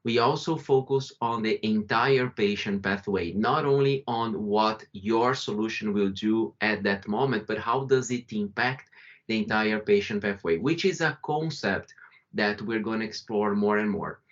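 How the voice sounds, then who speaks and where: His voice is on the low side and unhurried, carrying a Brazilian accent. The Brazilian presenter leads a conversational webinar by video call from home or an office, often starting over and correcting himself, and the call microphone leaves the sound muffled.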